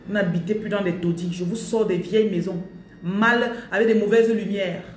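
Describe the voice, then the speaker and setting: A woman's voice: medium pitch, steady tone, moderate pace, darkish tone. A woman giving a live spiritual coaching talk, declaring affirmations over her audience with emphasis and repeating her phrases. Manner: repeats phrases and slips into English. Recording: roomy echo, distant mic.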